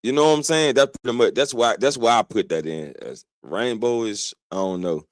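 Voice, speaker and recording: A man hosting a stream, giving casual reaction commentary in a relaxed way, talking back to the clip and laughing now and then. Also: mid-range voice, moderate pace, no echo, clean studio sound. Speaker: stream host.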